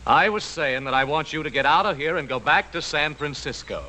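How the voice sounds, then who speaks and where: An actor playing an earnest, authoritative rancher's eldest son in a TV western, with an American accent and a measured, polite but firm manner. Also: male voice, on the high side, expressive, pushed and bright. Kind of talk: 1960s TV western acting. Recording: noisy old TV soundtrack.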